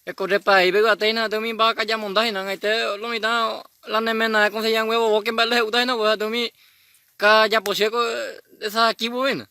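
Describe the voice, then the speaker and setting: A high-pitched male comedian with a bright, sharp voice. He rambles through a comic monologue full of mumbled, clipped filler syllables. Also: flat delivery, fairly quick, clean tone, no room sound. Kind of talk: comic monologue in rapid slang.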